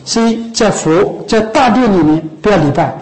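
Casting note: male monk, fairly high-pitched, chatty dharma talk to lay followers, keeps checking that they follow along. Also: expressive, moderate pace, a little mellow, low-quality recording. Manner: conversational, often asks "知道吗？" and "是不是？"; coughs now and then, a few restarts. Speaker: Buddhist monk teacher.

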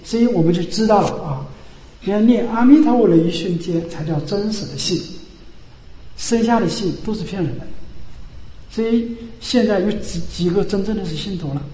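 A man giving a Buddhist sermon, often repeating rhetorical questions and dropping his voice for quiet asides. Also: sits high, moderate pace. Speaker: Buddhist teacher. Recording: echoey hall.

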